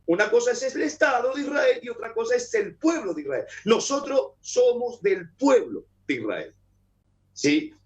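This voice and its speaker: Emphatic Argentine man, high voice. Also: sing-song, moderate pace, highs cut off. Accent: Argentine Spanish. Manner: emphatic, repeats his key phrases. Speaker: guest speaker. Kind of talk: live online religious talk.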